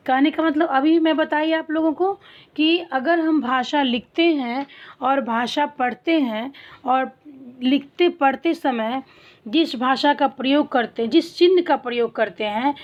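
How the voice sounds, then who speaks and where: A woman teaching a primary school Hindi class, explaining slowly and asking questions that she answers herself. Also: sits high, dull audio. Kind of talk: online class lesson.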